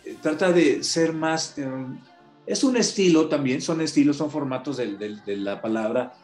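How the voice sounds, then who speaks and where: A man, an announcer and storyteller, explaining as an interview guest in an expressive way. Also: on the high side, faint music behind. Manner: expressive, acts out examples with drawn-out cadence. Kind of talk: explanatory conversation. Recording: roomy echo.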